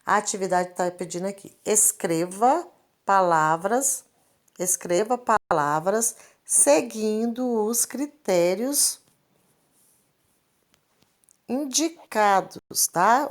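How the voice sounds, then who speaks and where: A woman, teaching a recorded literacy lesson and patiently repeating each point. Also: medium pitch. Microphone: screen recording, device mic.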